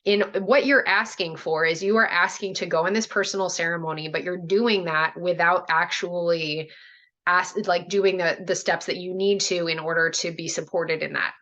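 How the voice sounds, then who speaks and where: On a video call, a woman acting as a shaman and spiritual mentor teaches a group at a moderate pace in a fairly low voice. Her style is casual and animated, full of "like" and "right?" asides.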